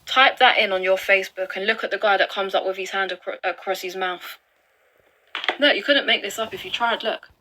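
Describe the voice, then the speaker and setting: A woman's voice: mid-range voice, fairly quick, pushed and bright, a little hiss or hum. A woman giving an upset, urgent commentary to her viewers, swearing and pressing her points. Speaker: video blogger. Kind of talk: live commentary on online records.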